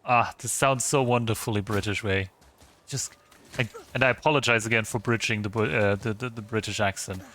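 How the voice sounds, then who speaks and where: A man's voice: lowish voice, fairly even intonation, brisk, a bit bright. Chatty man streaming a game. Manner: chatty, rambling, swears casually, many restarts. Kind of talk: casual gaming commentary.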